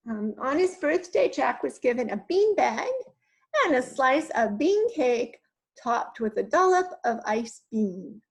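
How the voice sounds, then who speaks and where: A woman reading a children's story aloud, with lively asides and "um"s to her young listeners. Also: high voice, a little slow, creaky, rough recording.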